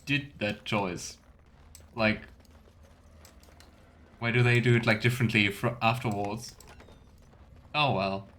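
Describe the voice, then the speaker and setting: This streamer's voice is mid-range with a fairly bright tone. He muses casually through a let's play, throwing playful remarks to his audience, while faint noise and keyboard clicking sit in the background.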